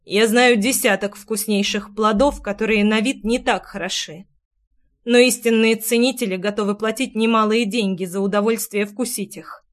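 A woman's voice: mid-range voice, steady tone, moderate pace, lightly acted. A woman reading as a haughty ancient dragon. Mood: cold, mocking. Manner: indifferent, mocking. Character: haughty ancient male dragon, cold and cruel.

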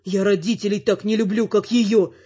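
A man reading a first-person audiobook with lively, emotional storytelling. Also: high voice, normal speed, slightly rough, lo-fi sound. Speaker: audiobook narrator.

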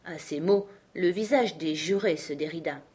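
Lady reading a storybook audiobook, lowish voice, calm. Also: normal speed, breathy edge. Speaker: audiobook narrator. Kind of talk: storybook narration.

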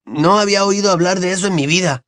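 A joking teenage wizard boy, lazy and sarcastic, with a pitch raised well above the reader's own, voiced by a man. He grumbles and mocks, in a dry, close audiobook read. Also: fast, a bit bright, no echo. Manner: sarcastic, mock-offended.

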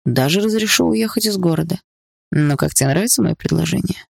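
A man's voice: high-pitched, animated, brisk, vocal fry, breathy edge, dry recording, studio quality, full character voice. A man playing a silky, cruel stepfather villain. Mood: falsely gentle. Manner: mock-gentle, fatherly menace. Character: smooth cruel middle-aged stepfather villain.

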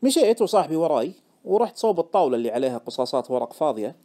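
A male audiobook narrator tells the story in the first person. His delivery is quick and animated, rising and falling freely, with a dark, mellow timbre. It is scripted, expressive narration. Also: on the high side.

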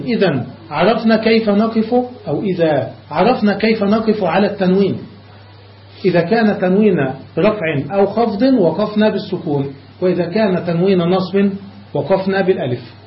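A man teaching a classical grammar lesson, explaining each rule step by step, checking that his students follow, and slowing down on examples. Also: sits high. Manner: slows down on examples. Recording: echoey lo-fi room recording.

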